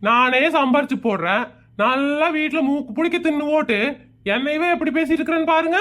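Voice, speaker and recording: A woman doing a grumbling cartoon husband, highish voice, complains to the audience, aggrieved. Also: a little fast, a bit bright. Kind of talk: cartoon comedy voice acting.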